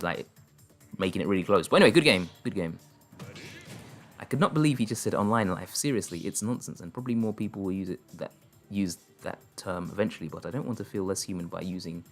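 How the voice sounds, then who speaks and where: A man streaming online fighting matches, calling the plays and chatting with viewers, his voice jumping up when a big moment lands. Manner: excitable play-by-play, pitch jumping up on big moments, laughing often. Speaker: streamer and commentator. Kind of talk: live-stream game commentary and chat.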